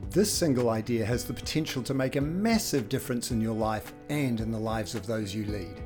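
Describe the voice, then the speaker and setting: A man hosts a podcast. His voice is of middling pitch, and he reads his introduction smoothly before moving into relaxed, conversational questions. Faint guitar music plays underneath. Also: a little fast. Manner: scripted, smooth delivery in the intro, then easy conversational asking. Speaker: podcast host.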